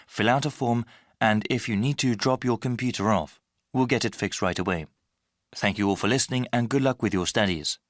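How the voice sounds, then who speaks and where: A man's voice: fairly low pitch, brisk, no room sound, clean studio sound. A man reading scripted instructional narration for a listening test.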